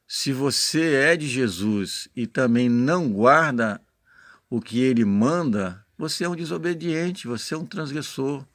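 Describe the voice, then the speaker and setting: A man with a Brazilian Portuguese accent delivers an informal sermon, close and dry in sound. His voice is mid-pitched and bright with noticeable creak. He explains earnestly, moving between reading and direct address with frequent short check-in tags. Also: no echo. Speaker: lay preacher. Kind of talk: informal sermon with passages read aloud.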